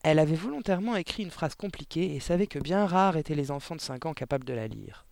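A man narrating a children's audiobook in an expressive storytelling manner. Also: fairly high pitch, fast, gravelly, no room sound. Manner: expressive storytelling with character voices.

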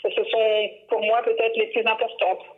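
A woman's voice: fairly high pitch, level tone, normal speed. A woman in her fifties calling in by phone, chatting casually and hesitantly with many fillers and restarts. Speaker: phone-in guest, teacher. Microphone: telephone. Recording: tinny phone line.

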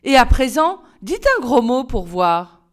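A woman voicing a young, charming male doctor who talks in a smooth, coaxing way in a storybook reading. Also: a little high, sing-song, measured pace.

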